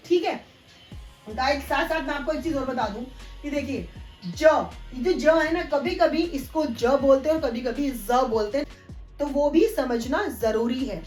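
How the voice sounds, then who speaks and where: A woman teaching English pronunciation, spelling words out letter by letter and slowly correcting common mistakes. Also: high voice, roomy sound, poor audio. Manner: corrective, addresses viewers as guys. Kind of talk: spoken English pronunciation lesson.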